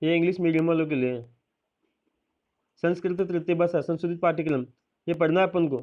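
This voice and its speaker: A man's voice: on the high side, brisk, lo-fi sound. A man teacher, steadily listing a school syllabus and adding reassuring asides.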